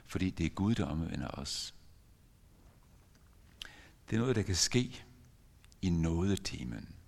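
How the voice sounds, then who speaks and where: A man's voice: low voice, lively intonation, vocal fry, a little mellow. An older man preaching a sermon as a pastor, telling a story earnestly with sudden emphatic rises in his voice. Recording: long church reverb.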